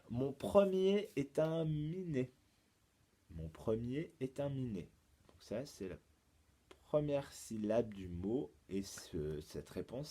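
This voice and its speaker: A man, a teacher giving a slow, patient home lesson to young children and repeating each step. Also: medium pitch, darkish tone. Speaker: kindergarten teacher.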